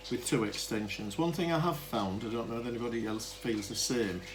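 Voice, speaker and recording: A man with a medium-pitched voice, talking a little fast, demonstrates vintage telephone equipment as a hobbyist. The demo is informal and unscripted, with hesitant, rambling explanations he often interrupts. The amateur camera recording is clearly noisy.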